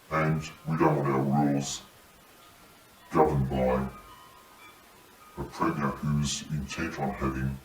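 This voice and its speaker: An Australian man working as a paramedic, his voice disguised and pitched very deep, giving an earnest, measured anonymous statement that pauses mid-sentence. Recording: echoey room, distant mic, faint hiss.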